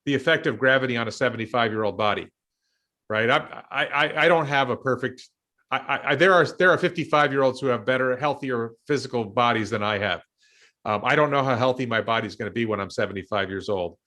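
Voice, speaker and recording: A man's voice: medium pitch, fairly quick, bright, forceful tone. An American man in his fifties, hosting a casual discussion and thinking aloud with many ums and restarts. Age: 50s. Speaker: show host and investor.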